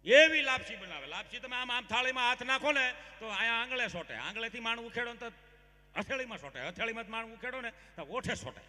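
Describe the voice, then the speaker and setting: Folk stage comic, high lively voice, long hall reverb. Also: male voice. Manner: lively, addresses audience directly. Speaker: folk comedian.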